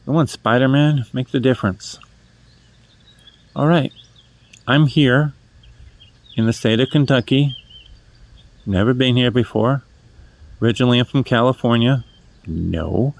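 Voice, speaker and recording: Recording on a handheld phone, a New Hampshire man past fifty makes his first book vlog, a loose, wandering monologue full of self-deprecation and self-correction. His New England accent carries a mid-range, creaky voice. He talks unhurriedly and leaves long pauses.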